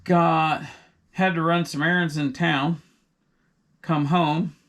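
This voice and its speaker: A middle-aged man with a gravelly, slightly raised voice chats loosely on a podcast. He rambles through his stories, sidetracking himself before circling back to the point. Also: fairly high pitch, flat delivery, slow pace, a bit bright. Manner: rambling, digressive storyteller. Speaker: podcast co-host. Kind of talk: casual chat.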